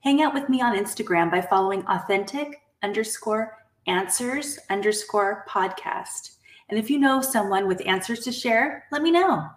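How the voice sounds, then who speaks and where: A woman's voice: medium pitch, lively intonation, normal speed. A woman hosting a podcast interview, encouraging her guest with frequent affirmations and laughing along. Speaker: podcast host.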